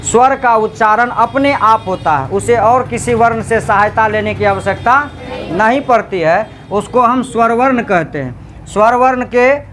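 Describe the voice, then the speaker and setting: A man teaching a class, quizzing students with repeated questions and drawing out sounds slowly to demonstrate them. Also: high-pitched, fairly bright tone, a little hiss or hum. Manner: slow, drawn-out sound demonstrations. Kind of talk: classroom grammar lecture.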